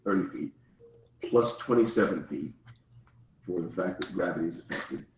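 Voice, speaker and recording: Lively low-voiced man as game master. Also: normal speed, noisy background. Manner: patient, walks players through the rules. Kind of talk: running a tabletop game. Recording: roomy echo.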